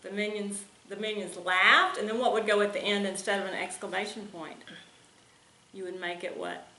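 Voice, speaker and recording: A woman's voice: medium pitch, steady tone, brisk, a bit bright. A woman, a homeschooling mother, patiently asking her son grammar questions. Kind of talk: teaching her child grammar. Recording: echoey room.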